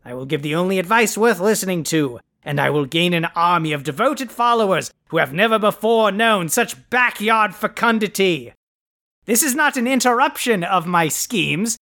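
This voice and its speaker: A performer playing a boastful male supervillain who hosts a podcast, delivering grandiose, insulting proclamations with a quick temper. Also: mid-range voice, expressive, fairly bright tone. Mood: pompous. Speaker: podcast host. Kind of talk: comic scripted podcast.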